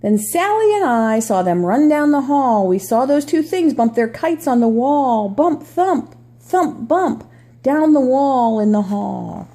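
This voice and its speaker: A sweet old lady reads a children's story aloud. Her voice is mellow and fairly high, with lively, sing-song pitch and gentle, chatty asides for a little listener. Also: a little slow. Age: older. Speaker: grandmother reading to a grandchild.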